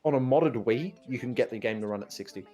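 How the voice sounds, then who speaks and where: A man talks loosely with a friend over a game session, cursing often and running through strong opinions about controllers and frame rates. His pitch sits in an ordinary middle range for a man. Faint music plays underneath. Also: fast talker. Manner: casual, profane, animated opinions on game tech. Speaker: co-host of a gaming playthrough. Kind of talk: casual chat while playing a video game.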